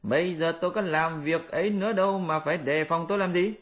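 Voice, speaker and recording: A man doing a shrill cheeky monkey king. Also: quick pace, fairly bright tone, natural voice. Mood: bossy teasing. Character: boastful mischievous male monkey king. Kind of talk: audiobook character voice.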